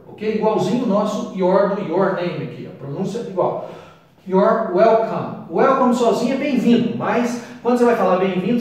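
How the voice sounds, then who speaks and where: Brazilian male English teacher, fairly high voice, drags out each example phrase, recorded from a distance in a very echoey room. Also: darkish tone. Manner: slows right down to spell out each English phrase. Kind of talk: explaining at a whiteboard.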